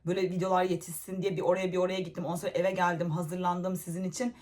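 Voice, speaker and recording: A woman's voice: lowish voice, little pitch movement, rapid-fire, darkish tone. A young woman chatting casually into her phone camera in a giggly, scattered way. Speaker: reaction vlogger. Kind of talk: casual reaction chat.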